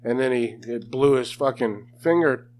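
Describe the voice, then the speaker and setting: A man co-hosting a podcast in loose, unscripted chat. He talks bluntly and swears freely, at a middling pitch for a man. A faint hum sits underneath. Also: moderate pace, darkish tone. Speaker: podcast co-host. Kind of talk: casual chat.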